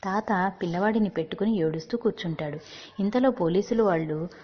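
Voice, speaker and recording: A woman narrating an audiobook story in a measured, unhurried way, in a dull recording with long reverb. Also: medium pitch, noisy background. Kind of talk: audiobook reading.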